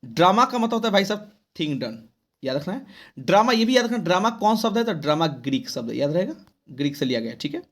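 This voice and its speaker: A male English teacher from Bihar, with an Indian English accent, teaching an exam-prep lesson. He reads English answers out slowly and then explains them in quick, colloquial Hindi. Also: high-pitched, sing-song.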